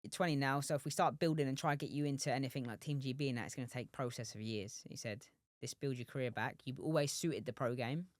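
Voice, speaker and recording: A young man in his twenties talks quickly and openly as a podcast guest, rambling and restarting sentences, tossing in asides to the host. His voice sits at an ordinary middle pitch and is recorded dry and close, with no room sound. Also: dry recording. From England. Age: 20s. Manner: rambling, many restarts and "do you know what I mean". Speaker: guest, professional boxer. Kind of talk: casual interview chat.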